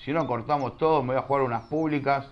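A man's voice: medium pitch, fast talker, lo-fi sound. A man with a Rioplatense Spanish accent casting a live online shooter tournament, chatty and teasing, scolding his chat with playful slang. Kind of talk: live game commentary.

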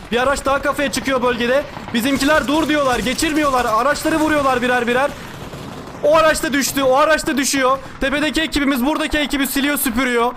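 A man giving excited live play-by-play commentary on an online game tournament, repeating calls and cheering his side on. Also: very high-pitched, noisy background. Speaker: esports commentator.

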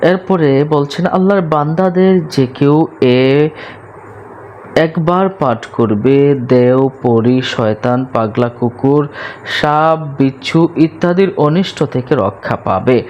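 A man presenting a devotional talk, explaining a prayer briskly and then reciting long Arabic invocations in a slow chant. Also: a little high, a little mellow. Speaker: religious presenter. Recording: slightly dull recording with faint background hiss.

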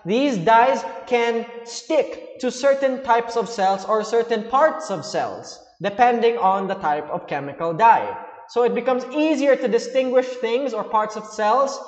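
A man's voice: high voice, echoey room, in a large hall. A man explaining a science lesson to students in a loose, chatty way, with fillers as he goes. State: hiccuping. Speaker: science teacher.

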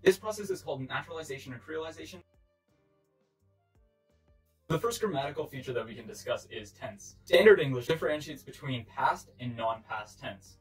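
A man's voice: fairly high pitch, animated, a little fast, faint music behind, rough recording. A man in his twenties giving a formal, explanatory scripted educational narration. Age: 20s. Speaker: presenter.

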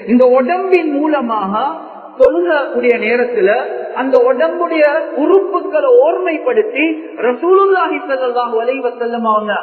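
A man giving an Islamic sermon, addressing listeners as respected brothers and friends and chanting Arabic verses. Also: very high voice. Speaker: preacher. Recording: tinny, echoey hall from far off.

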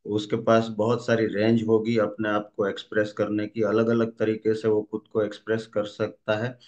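A man's voice: fairly low pitch, darkish tone, dull audio. A man giving a recorded training lecture, explaining steadily with frequent "uh" fillers and restarts. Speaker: DMIT trainer. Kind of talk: recorded lecture on brain lobes.

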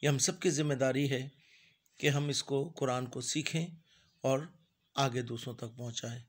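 A man teaching Quran reading, spelling out each syllable slowly with drawn-out vowels. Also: mid-range voice, steady tone. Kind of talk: slow spelled-out recitation lesson.

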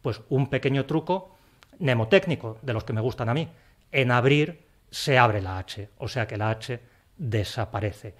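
A man from Spain with a Spanish accent, hosting a scripted language lesson, spelling words out slowly and dropping in playful, theatrical sighs. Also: mid-range voice, lively intonation. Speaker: language teacher and channel host. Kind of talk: scripted explanatory video lesson.

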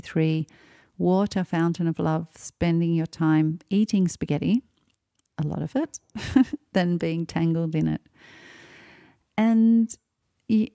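A woman's voice: lowish voice, vocal fry, warm tone, no echo, clean studio sound. A woman hosting a solo podcast, talking in a light-hearted way. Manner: light-hearted, laughs between thoughts. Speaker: podcast host.

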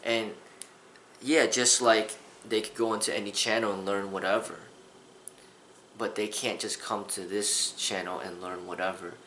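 A man's voice: fairly low pitch, fairly even intonation, a little slow, bright, forceful tone, reverberant, a little hiss or hum, poor audio. A man in his thirties, a kung fu instructor, talking earnestly to the camera in a casual vlog, rambling with restarts. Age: 30s. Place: small indoor room with a sofa.

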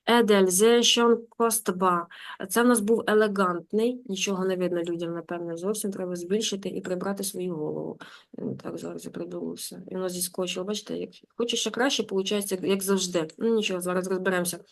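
Woman teaching german online, reads slow then translates and explains fast, like a class lesson. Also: lowish voice, fairly even intonation, vocal fry. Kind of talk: reading a German story aloud and translating for a class.

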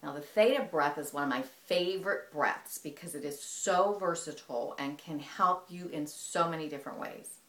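A woman teaching a breathing technique in a calm, explanatory way. Her voice sits low, and the room around her gives it a noticeable echo. She speaks like an instructor guiding a demonstration. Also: normal speed, hardly any pauses. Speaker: movement teacher. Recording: echoey room.

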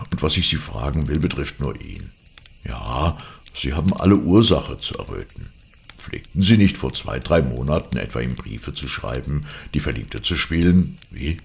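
A man reading an audiobook aloud, voicing a cold, threatening villain in a slow, menacing way. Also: extremely low pitch, creaky, heavily acted.

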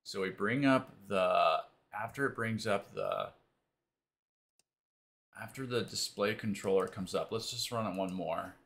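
Gravelly low-voiced man coding live. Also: lively intonation, a little slow, a bit bright. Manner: thinks aloud while debugging, mutters to himself; reads and answers viewer chat. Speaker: developer hosting a live coding stream. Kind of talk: casual live coding stream talk.

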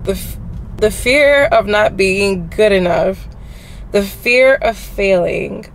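A woman's voice: medium pitch, slow, low-quality recording. A young woman vlogging from a car at night, talking in a heartfelt, prayerful way and repeating phrases for emphasis. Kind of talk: reflective car vlog talk. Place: inside a car at night, traffic outside. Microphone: camera mounted on the dashboard. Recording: loud road and car noise.

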